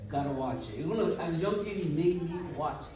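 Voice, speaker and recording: Male speaker, conference talk, lively and chatty, fairly high voice, heard from a distance in a reverberant hall. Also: brisk. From United States. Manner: animated, conversational, rhetorical questions. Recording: echoey room, from far off.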